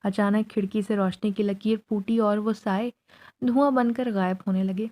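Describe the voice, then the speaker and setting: A woman narrating a scripted horror story in an even, measured reading. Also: medium pitch.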